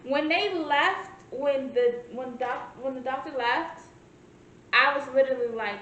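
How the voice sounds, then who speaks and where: High-voiced rambling woman, echoey room. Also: a little slow, fairly bright tone, lo-fi sound, a little hiss or hum. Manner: rambling, restarts, acts out what she would have said. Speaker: co-host reviewing a reality show. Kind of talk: casual podcast chat.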